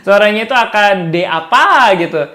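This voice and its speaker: A man's voice: high-pitched, lively intonation, normal speed, bright, forceful tone. A man giving a casual spoken guitar lesson as a guitar tutor, chatty and chuckling often, referring to himself in the third person.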